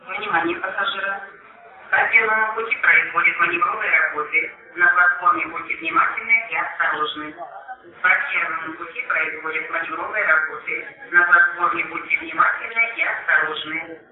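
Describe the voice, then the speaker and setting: A man reading formal, measured public-address announcements at a railway station, in the manner of an airport announcement. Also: mid-range voice. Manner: formal, measured announcing with set phrases repeated. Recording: echoey distant station loudspeaker, muffled lo-fi.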